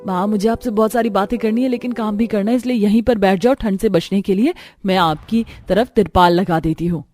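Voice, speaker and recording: A woman's voice: medium pitch, a little fast, a little mellow, no room sound, faint music behind, lightly acted. A woman voicing a poor, hardworking young daughter in a cartoon story who cares for her mother. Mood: caring. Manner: caring but firm, scolding when angered.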